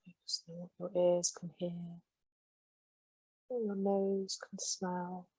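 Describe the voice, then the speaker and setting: Slow and soothing, a woman leads listeners through a meditation in a mellow, slightly breathy voice. Her pitch is on the low side and her tone stays level, with very little rise and fall. The recording is close and dry, without echo.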